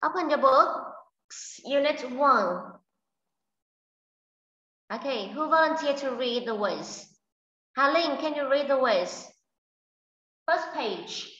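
Slow, high-voiced Vietnamese woman teaching. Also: expressive, pushed and bright, roomy sound, dull audio. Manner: slow, clear modelling of words for pupils to repeat. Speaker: English teacher. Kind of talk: online class for children. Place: online video class.

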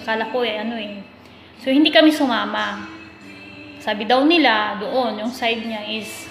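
A woman's voice: a little high, fairly bright tone. A woman in her thirties, a worker abroad, chatting to a phone camera in a kitchen and complaining about her job. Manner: chatty, complaining, mixing English into Tagalog. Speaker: vlogger, overseas domestic worker. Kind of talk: casual chat to camera. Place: kitchen, indoors. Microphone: phone camera at arm's length. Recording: echoey kitchen with music behind. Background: background music.

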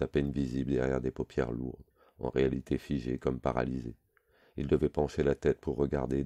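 A man reads a novel aloud in a measured, literary way. His voice is extremely low and dark. The sound is close and dry, with no room around it. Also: dry recording. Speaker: audiobook reader. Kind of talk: scripted narration.

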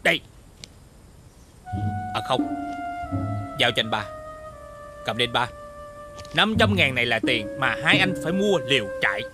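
A man's voice: medium pitch, very animated, unhurried, pauses often. A young man with a Southern Vietnamese accent, acting a breezy, self-assured penny-pincher in a TV comedy series. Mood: smug. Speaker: stingy younger brother Long. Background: music.

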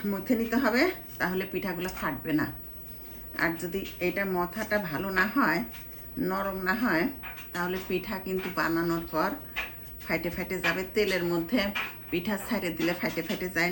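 A woman's voice: on the low side, fairly bright tone, a little hiss or hum. A woman from Pabna with a Pabna Bengali accent, chatting casually and teasing while making winter cakes in her home kitchen, complaining about her sore hand. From Pabna, Bangladesh. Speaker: cooking vlogger. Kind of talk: casual home cooking vlog.

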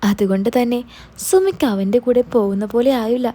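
A woman tells an emotional family story in a gentle, unhurried way. Her voice is slightly high and mellow. It has a soft, husky breathiness. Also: animated.

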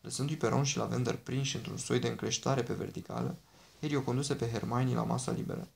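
A man reads an audiobook at a steady, measured pace. His voice is mid-pitched with a pronounced gravelly fry running through it. He keeps an even storytelling manner. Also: slight background noise. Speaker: audiobook narrator. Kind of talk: audiobook reading.

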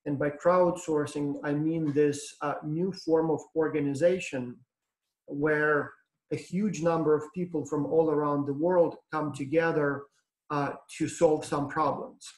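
Ukrainian accent guy, professor on a webcam call, kinda flat delivery, lots of ums, echoey room. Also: fairly high pitch, a little slow. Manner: relaxed, explanatory, many ums and uhs. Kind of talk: lecture to students over video call. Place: room with brick wall and whiteboard. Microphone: webcam on video call.

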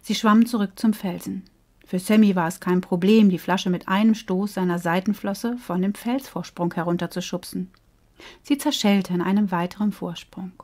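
Calm woman reading a story aloud. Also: medium pitch. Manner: calm, measured narration. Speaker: coach and storyteller. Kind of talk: storybook reading for children and adults.

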